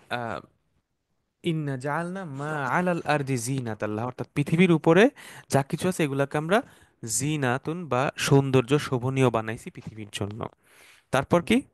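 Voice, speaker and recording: A man's voice: medium pitch, no room sound, studio quality. Patient male Arabic teacher. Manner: patient, repeats words slowly, mixes English terms. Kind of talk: explanatory online class.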